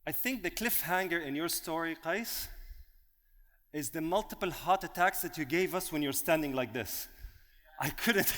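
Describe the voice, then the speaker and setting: Chatty male event host in a hall. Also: fairly high pitch. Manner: relaxed, chatty, building to announcer hype. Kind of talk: casual stage hosting. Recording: long hall reverb.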